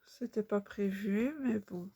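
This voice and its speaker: A woman in her thirties chatting casually while she stitches, unhurried and full of fillers. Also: medium pitch, steady tone, warm tone, breathy edge. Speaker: cross-stitch vlogger.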